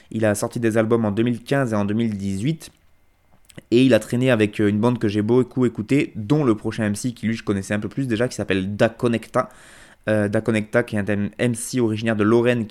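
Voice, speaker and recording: Casting: male radio host, lowish voice, loose rambling delivery. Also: a little mellow. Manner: rambling, many fillers and restarts. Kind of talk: casual radio presenting.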